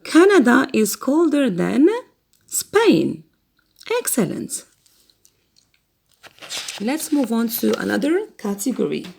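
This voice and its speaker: Female teacher for a grammar lesson, slow and patient, lively pitch, a bit gravelly. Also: a little hiss or hum. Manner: slow, patient, repeats words for students to copy. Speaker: English teacher.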